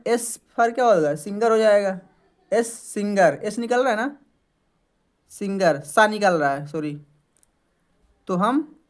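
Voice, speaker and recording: Patient teacher drilling word pronunciation. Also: male voice, high voice. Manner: asks questions and answers them himself, often adding a checking "okay"; repeats words slowly to model their pronunciation. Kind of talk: classroom-style lesson explaining English words in Hindi.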